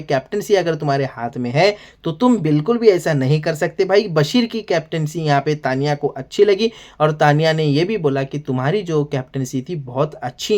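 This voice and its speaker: A male TV show reviewer talks through an episode recap in a loose, rambling way. He keeps calling the viewer "brother" and drops exasperated asides. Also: a little high. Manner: rambling, fills every sentence with "here" and "brother". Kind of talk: casual episode recap and commentary.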